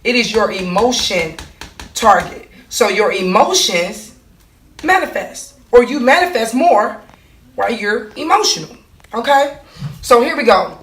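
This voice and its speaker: A woman's voice: fairly high pitch, animated, unhurried, a bit bright, far from the mic. A woman explaining her monthly cycle in a casual way, asking herself rhetorical questions, answering them, and checking in with "okay?" and "right?". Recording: echoey room.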